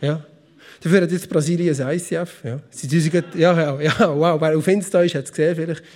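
Animated Swiss preacher, man. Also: fairly high pitch, a little fast. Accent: Swiss German. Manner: animated, swings between loud and soft, addresses listeners directly. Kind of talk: sermon.

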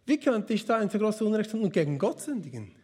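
A man's voice: high-pitched, big pitch swings, fast, a little mellow. A man with a Swiss German accent telling a Bible story as a casual sermon, chatty and speaking straight to his listeners with asides. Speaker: preacher.

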